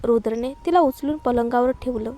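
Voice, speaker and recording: A woman reads a romantic drama story aloud as scripted narration. Her voice sits a little high, and she carries every character's lines herself without much change of voice, now and then stumbling and restarting a word. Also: moderate pace, warm tone, slight background noise. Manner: small slips and restarts.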